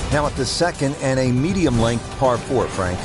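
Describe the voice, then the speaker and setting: A man's voice: medium pitch, lively intonation, normal speed, loud music behind the voice, close to an everyday voice. A man giving golf commentary as the play-by-play anchor of a televised-style game broadcast, with a polished announcer delivery.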